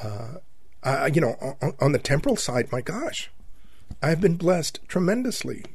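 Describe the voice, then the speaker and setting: Addressing his listeners as "my friends," this 70-something radio talk show host rambles folksily in a sing-song, husky, slightly breathy voice pitched mid-range for a man. He stops and starts, leaning on fillers and repeated words, and the sound is close and dry with no surrounding room.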